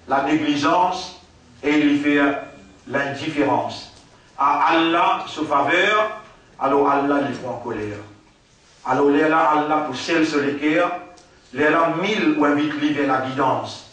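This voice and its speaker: A man with a Mauritian accent giving a religious lesson, repeating words slowly and mixing French with Arabic recitation. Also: high-pitched, fairly bright tone. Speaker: Islamic teacher. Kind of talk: religious lesson after dawn prayer. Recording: very echoey room, from a distance.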